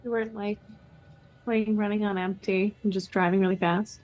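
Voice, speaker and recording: A woman's voice: mid-range voice, flat delivery, normal speed, highs cut off. A woman playing a tabletop role-playing game, speaking casually in character.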